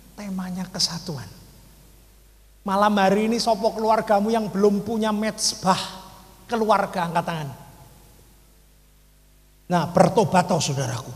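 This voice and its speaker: A man with a Javanese accent preaching a sermon in a strikingly high voice, telling his story with emphasis and turning to the congregation over and over. His voice rings through a church hall with a long, trailing reverb. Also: a bit bright. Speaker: pastor.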